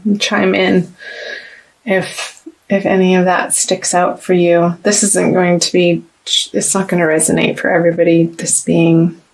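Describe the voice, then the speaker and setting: A woman giving a casual tarot reading, talking slowly and reflectively with halting restarts and pauses as she consults the cards. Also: fairly low pitch, poor audio. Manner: slow, halting, with many restarts and ums. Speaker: tarot reader.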